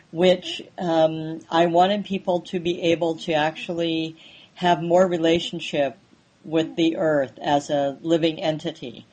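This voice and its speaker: A woman hosting a conversational interview, speaking hesitantly with frequent pauses and fillers. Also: low-pitched, warm tone. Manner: hesitant, many ums and pauses.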